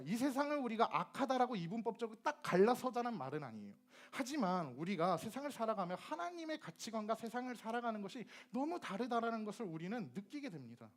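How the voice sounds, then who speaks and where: A young man from Gyeonggi, South Korea, preaches to teenagers as a youth ministry preacher, his voice sitting high and moving quickly with hardly any pauses. He's lively, throwing questions at the audience and acting out dialect phrases.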